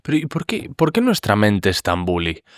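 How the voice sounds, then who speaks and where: Male host, smooth resonant tone, dry close sound, lively questioning. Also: lowish voice, normal speed, no room sound. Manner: animated, questioning, acts out inner voices. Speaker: podcast host. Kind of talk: conversational interview.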